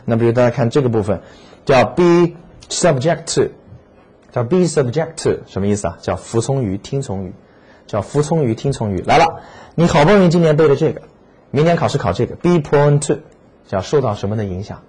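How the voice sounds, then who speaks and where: A man's voice: mid-range voice, lively intonation, fast, darkish tone, slightly rough. A man teaching exam vocabulary in a lecture. He speaks emphatically, repeats key words and asks rhetorical questions.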